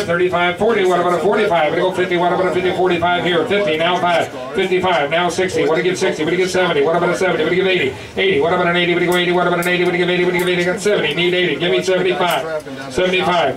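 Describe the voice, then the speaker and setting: Man, American auctioneer chant, very fast repetitive number patter, distant echoey pickup. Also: high-pitched. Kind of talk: auctioneer's rapid bid-calling chant. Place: crowded indoor toy auction in a wood-framed hall. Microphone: picked up by a camera at a distance. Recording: distant, echoey, busy crowd around.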